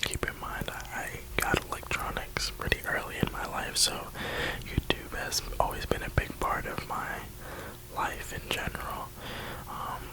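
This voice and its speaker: A young man in his early twenties from New York and Florida, USA, whispers close to the mic as an ASMR creator doing a rambling Q&A, often repeating himself. His pace is measured and the recording quality is low.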